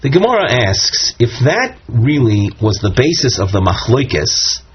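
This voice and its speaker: Husky man teaching a Talmud passage. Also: medium pitch, sing-song, a little slow. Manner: explains step by step, quoting Aramaic and Hebrew phrases, frequent restarts. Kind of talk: text study lesson. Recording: dull lo-fi audio recording.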